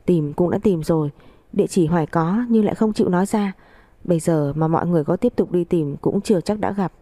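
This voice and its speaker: Low-voiced woman storyteller. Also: dry recording. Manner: steady, reflective storytelling. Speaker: story narrator. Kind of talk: first-person story narration.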